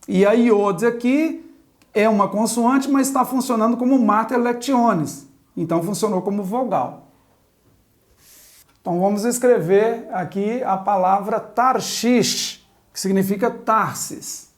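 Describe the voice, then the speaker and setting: A woman's voice: mid-range voice, measured pace, a little mellow. A woman teaching a Biblical Hebrew grammar lesson at a chalkboard, methodically spelling out letters and vowels one by one. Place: classroom with a chalkboard.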